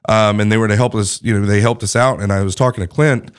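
Low-voiced podcast host, chatty. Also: male voice, steady tone, quick pace. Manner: chatty, affirming, emphatic asides. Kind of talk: conversational interview.

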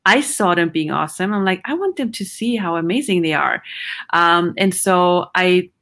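A middle-aged woman from Austria speaks as an interview guest. Her voice is bright and clear, and she talks animatedly, laughing often and pausing to search for words. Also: on the low side, animated. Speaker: psychologist guest. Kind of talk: conversational interview.

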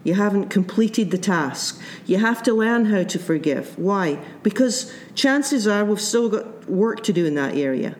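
A man preaching a sermon in a reflective, measured way. He circles back to his main points and repeats them for weight, now and then slipping into the voices of the people he quotes. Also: sits high, lively intonation, a little hiss or hum. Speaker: pastor.

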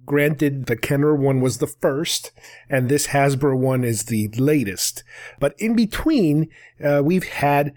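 A man's voice: a little high, takes it slowly, a little mellow. A man hosting a podcast, talking casually and enthusiastically in a rambling way. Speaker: podcast host. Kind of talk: casual solo podcast talk.

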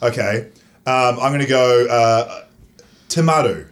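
A man speaks in a broad Kiwi accent at a middling pitch. He hosts a casual, joking chat in a blokey way, swearing freely and poking fun at himself. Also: measured pace. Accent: New Zealand. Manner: sweary, blokey, self-deprecating. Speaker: host and stand-up comedian.

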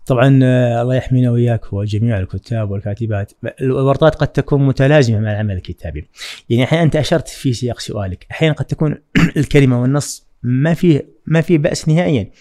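A man talks quickly as a podcast guest, with a mellow, dark tone. He speaks in a measured, reflective way and often stops to hesitate. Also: medium pitch. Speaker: guest, writing trainer. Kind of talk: podcast interview.

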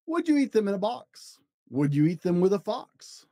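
A man's voice: sits high, sing-song, moderate pace, dark tone. A man voicing an eager, persistent little food-pusher from a storybook, coaxing in sing-song questions.

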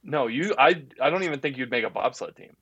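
A man's voice: medium pitch, lively intonation, fairly quick, fairly bright tone, breathy edge, dull audio. A young man co-hosting a podcast in casual chat, teasing and blunt with his friend. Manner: teasing, blunt, laughs easily. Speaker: podcast co-host.

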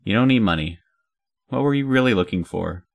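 A man's voice: lowish voice, animated, fairly quick, vocal fry, pitched above the performer's own voice. A man reading the lines of a confident superhero woman with a dry, teasing manner.

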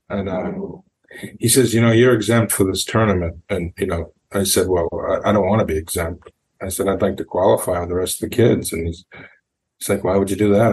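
A man's voice: lowish voice, darkish tone, breathy edge. A middle-aged man from New Hampshire, a golf coach, telling long rambling stories as a podcast guest. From New Hampshire, USA. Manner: rambling anecdotal storyteller, acts out quotes. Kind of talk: storytelling in an interview.

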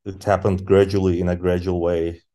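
A man, a podcast guest speaking English as an in halting casual talk with many fillers. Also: low-pitched, flat delivery, dark tone. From Turkey. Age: 30s. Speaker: guest musician. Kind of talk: casual interview chat.

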